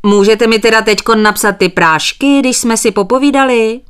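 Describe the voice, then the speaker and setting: A woman's voice: on the high side, clear, resonant tone, voice pushed up, close to an everyday voice. A woman reading a stubborn sheep farmer, evasive, courteous, forever thanking, storybook voice. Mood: stubborn polite.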